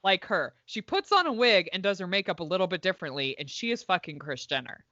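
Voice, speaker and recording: A woman's voice: on the low side, lively intonation, fast, bright, forceful tone, dry recording. A woman co-hosting a podcast in casual chat, talking with enthusiasm and plenty of filler words. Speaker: podcast co-host. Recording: dry, slightly dull sound.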